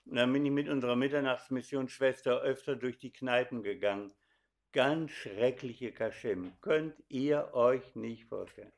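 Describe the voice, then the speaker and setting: A man's voice: medium pitch, moderate pace, vocal fry. An older man giving a sermon, telling stories and speaking directly to his listeners. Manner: animated storytelling, addresses audience directly. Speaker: preacher.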